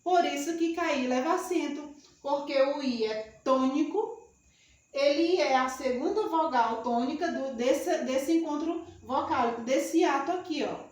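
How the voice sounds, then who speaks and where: A woman's voice: high voice, measured pace, a little mellow. A woman teaching a grammar lesson in a classroom at the board, patiently repeating each rule and asking rhetorical questions. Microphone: camera far from speaker. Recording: very echoey room, voice from far off.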